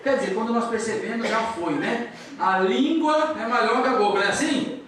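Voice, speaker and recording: High-voiced man lecturing in echoey hall. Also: normal speed. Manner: animated, acts out dialogue, asks the audience questions. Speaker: speaker at a Spiritist public lecture. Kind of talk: storytelling lecture. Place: large hall with audience. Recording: distant mic, very echoey hall, faint hiss.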